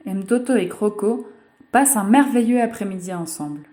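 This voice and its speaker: A woman narrating a children's picture book aloud in an expressive, measured way, as the voice-over for a sign-language reading. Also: medium pitch. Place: voice-over for a video.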